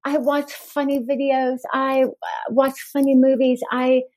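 A woman's voice: high-pitched, flat delivery, unhurried, warm tone, dry recording. A woman in her forties, a guest author in a candid podcast interview, talking frankly with wry humor and easy laughter.

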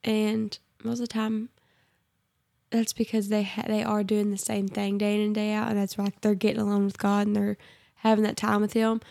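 A woman's voice: mid-range voice, completely flat delivery, moderate pace, gravelly, dark tone, no echo, studio quality. A woman co-hosting a faith podcast in easygoing chat, with a scratchy voice and a stopped-up nose. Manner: easygoing, lots of "like". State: congested, scratchy voice. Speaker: podcast co-host.

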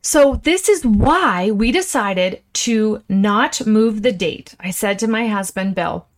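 A woman hosting a motivational podcast from inside an RV, talking in an animated, exclamatory, chatty way with folksy y'alls. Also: medium pitch, slow. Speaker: podcast host. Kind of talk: enthusiastic casual motivational monologue.

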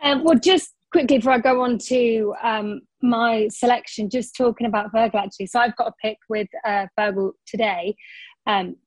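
Breathy young woman chatting tips. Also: a little high, moderate pace, dry recording, low-quality recording. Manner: chatty, many ums, self-correcting. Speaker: racing tipster co-host. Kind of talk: casual podcast chat.

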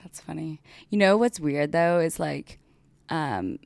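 A woman's voice: low-pitched, sing-song, unhurried, gravelly, a little mellow, dry recording. A young woman co-hosting a podcast in casual chat, chatty and full of fillers. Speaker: podcast co-host.

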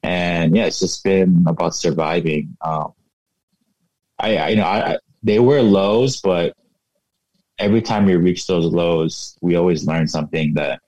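A man in his thirties, raised in the United States, talking casually as a guest in an interview, relaxed and reflective with lots of "you know". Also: sits low, unhurried, no echo, dull audio. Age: 30s. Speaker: guest, fashion entrepreneur.

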